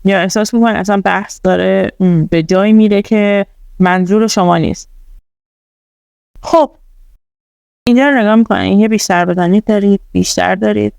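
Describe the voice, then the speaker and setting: A woman's voice: medium pitch, creaky, long pauses, darkish tone, clear, resonant tone, dry recording. A woman presenting a casual tutorial. She explains things step by step, with many fillers. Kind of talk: casual screen-recorded tutorial.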